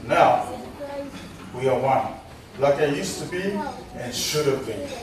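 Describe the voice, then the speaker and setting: A man giving a halting, joking welcome speech at a wedding, out of breath and losing his train of thought. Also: medium pitch, a crowd in the background. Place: wedding reception hall. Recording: echoey hall, distant mic, noisy.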